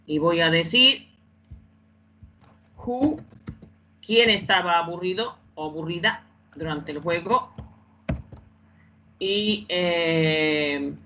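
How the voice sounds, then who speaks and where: Woman teacher, bright tense voice, repeats herself and checks in often; muffled online-call audio with faint keyboard clicks behind. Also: on the low side, slow pace, slight background noise. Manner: repeats phrases, keeps checking understanding. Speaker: English teacher. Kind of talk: online class explanation.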